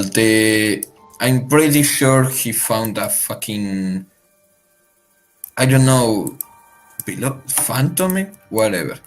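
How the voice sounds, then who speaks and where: Young man, low voice, from Argentina, native Spanish speaker, crude jokey podcast chat, faint music behind. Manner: joking, crude, laughs often. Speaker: podcast guest. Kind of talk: casual chat.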